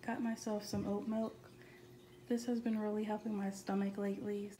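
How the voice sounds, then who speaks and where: Flat-voiced woman vlogger in an echoey kitchen. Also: mid-range voice, normal speed. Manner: relaxed, matter-of-fact listing. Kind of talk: grocery haul voice-over. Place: home kitchen. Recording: echoey room with clear background noise.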